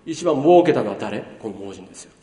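A man preaching a sermon as a pastor, lively, swinging between loud emphasis and hushed asides. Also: mid-range voice, a little fast. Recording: roomy hall reverb from far off.

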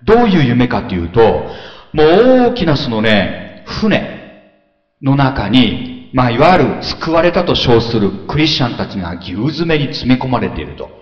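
A man preaching in a big echoey hall, and his voice swoops high and low as he tells the story. He acts out grumbling crowds with rapid muttering. The recording sounds dull and lo-fi. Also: big pitch swings. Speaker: pastor. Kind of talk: sermon.

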